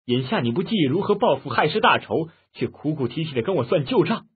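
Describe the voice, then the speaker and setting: A man voicing a fierce middle-aged woman martial artist who scolds harshly and loudly. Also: medium pitch, big pitch swings, moderate pace, slightly rough. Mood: angry. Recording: muffled phone-like lo-fi audio.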